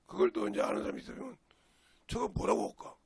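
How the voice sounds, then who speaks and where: A man's voice: high-pitched, wildly swooping pitch, fast talker, creaky, darkish tone, breathy edge, no echo. An older man with a Jeolla Korean accent, a pastor preaching a folksy, storytelling sermon with sudden emphatic rises. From Jeolla region, Korea.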